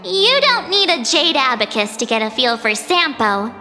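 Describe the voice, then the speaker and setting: A woman voicing a perky, candid young adventurer in a video game, casual and expressive. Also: high-pitched, moderate pace, in a large hall, faint music behind, exaggerated voice. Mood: sheepish, playful.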